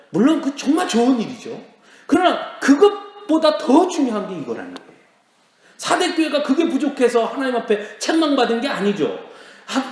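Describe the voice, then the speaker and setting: High-voiced male pastor in echoey church. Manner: preaching with rhetorical questions and frequent "예" asides. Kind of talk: sermon. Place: church sanctuary.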